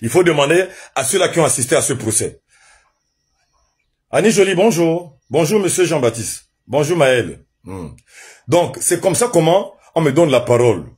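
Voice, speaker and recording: A man from Gabon with a Gabonese French accent, loudly and emphatically telling the story of his detention and trial. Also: on the high side, very animated, moderate pace, slightly rough. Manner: loud, emphatic, says his voice is naturally loud, laughs while telling. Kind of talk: animated personal storytelling to an audience.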